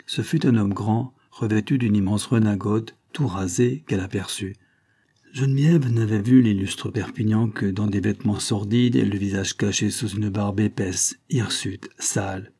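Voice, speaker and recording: Husky low-voiced male audiobook narrator. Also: fairly even intonation, warm tone. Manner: measured, dramatic storytelling. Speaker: audiobook reader.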